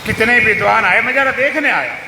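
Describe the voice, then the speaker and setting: A man's voice: high-pitched, a little fast, echoey room, long reverb tail, noisy background. A preacher voicing a fearless boy sage. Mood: scornful. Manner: declaiming verse, scolding.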